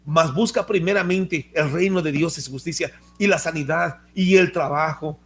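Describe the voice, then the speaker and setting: A man's voice: on the high side, normal speed. A man, a pastor preaching a sermon with passion, quoting scripture and acting out the voices of Bible figures. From Mexico.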